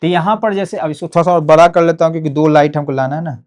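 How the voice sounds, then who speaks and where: A man's voice: a little high, racing. A young man with a Bihari Hindi accent teaching a board exam physics lesson, repeating key terms and checking in often with "okay". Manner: repetitive, drills key words, frequent "ठीक है".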